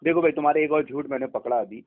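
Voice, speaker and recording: A man with an Indian Urdu accent in a heated religious debate, lecturing and accusing his opponent. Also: on the high side. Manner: accusing, lecturing, cites scholars. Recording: tinny phone line.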